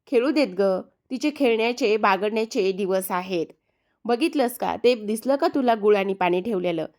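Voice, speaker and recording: A woman's voice: mid-range voice, moderate pace, a little mellow, natural voice. A woman voicing an affectionate village headman who speaks fondly about his daughter.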